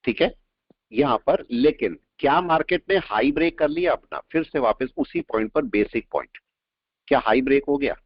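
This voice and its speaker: Male instructor, mid-pitched, runs a live class, keeps quizzing students; muffled dry recording. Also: lively intonation, dry recording. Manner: quizzing students with quick questions. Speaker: trading instructor. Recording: dull lo-fi audio, dry.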